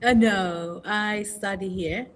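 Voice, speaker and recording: Speaking slowly in a medium pitch, this young adult from Indonesia, whose first language is Indonesian, chats in English over a video call as conversation practice. She's a trainee teacher at university, thoughtful and hesitant, frequently correcting herself, and there's background noise.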